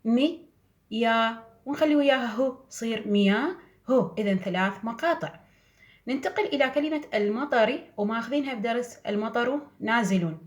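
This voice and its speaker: A woman with an Iraqi Arabic accent, a primary teacher who breaks words into syllables and repeats them slowly and patiently. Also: on the high side, animated. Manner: drawn-out, patient, repeats sounds for children. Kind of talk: slow syllable-by-syllable reading lesson.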